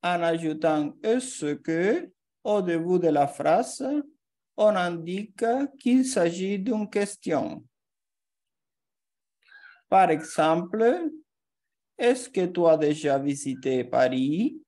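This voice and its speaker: Female language teacher, lowish mellow voice, very slow, careful delivery of scripted examples. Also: expressive. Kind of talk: slow scripted grammar lesson.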